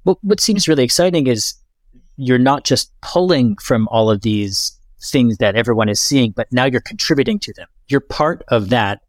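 A man conducts a conversational interview with an enthusiastic, affirming manner. His voice is mid-pitched, recorded dry and close. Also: no room sound.

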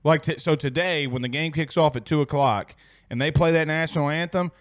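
A man's voice: on the high side, fairly quick, no room sound, studio quality. A man hosting a casual sports podcast, rambling and blunt, swearing casually. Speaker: host.

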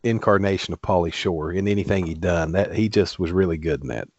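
Guy on a podcast, lowish voice, jokey storyteller, dry muffled sound. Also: a little fast, a little mellow, breathy edge, dry recording. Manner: joking, storytelling. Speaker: podcast co-host. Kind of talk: casual chat.

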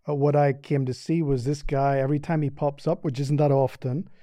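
A man with a Northern Irish accent, a podcast guest who explains his ideas in a thoughtful, measured way. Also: mid-range voice, level tone, mellow, no room sound, clean studio sound. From Northern Ireland. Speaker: podcast guest, seminary department chair. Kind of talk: casual conversation.

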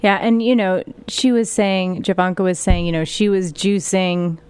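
A woman's voice: mid-range voice, steady tone, normal speed, darkish tone, clear, resonant tone, dry recording. A woman hosting a podcast interview, chatting casually with fillers and restarts. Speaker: podcast host.

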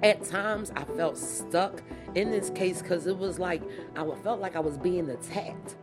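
A woman's voice: fairly low pitch, a little slow, over loud music. Spirited woman, a parent activist. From Philadelphia. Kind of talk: interview.

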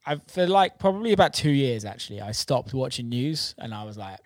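A male host runs a casual interview, chatting informally with lots of slang and swearing. He talks fairly quickly at a medium pitch with big pitch swings. The studio-quality audio has no echo.

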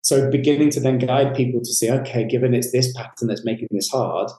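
A man's voice: medium pitch, brisk, mellow. A man, a clinical psychologist, explaining his ideas reflectively in a conversational interview, with frequent "you know" asides. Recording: roomy echo.

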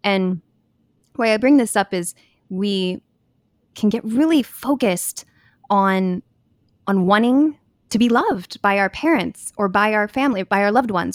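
Animated woman podcast co-host. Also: no room sound, studio quality. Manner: animated, acts out quotes in a high voice. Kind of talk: casual chat.

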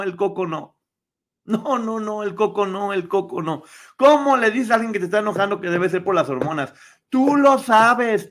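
A man with a Mexican accent chats casually on a live stream, gossiping and mocking as he talks through a book. His voice sits a little higher than usual for a man. He often slips into playful voices to act out what others said. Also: fairly bright tone.

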